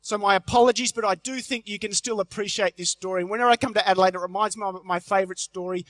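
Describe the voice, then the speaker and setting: A man's voice: high voice, steady tone, quick pace, a bit bright, no echo. A middle-aged Australian man giving a live motivational health talk at a conference, telling jokes and stories with punchy timing. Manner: jokey storytelling, punchy delivery. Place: large convention hall stage.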